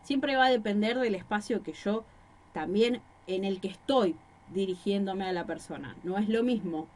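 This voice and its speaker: A woman's voice: mid-range voice, normal speed, darkish tone. Rosario-accented woman teacher, patient explainer, poses questions and answers them, mic in small room. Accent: Rosario Argentine Spanish. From Rosario, Argentina. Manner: explanatory, gives examples and asks rhetorical questions. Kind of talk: recorded class lecture. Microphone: microphone.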